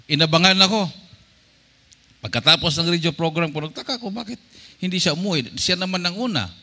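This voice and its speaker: A man preaching at a church service, his voice a little high and sharp-edged. He tells a story and plays out the dialogue, dropping in English phrases. A long reverb from the church hall trails behind him. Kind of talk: Tagalog sermon with testimony.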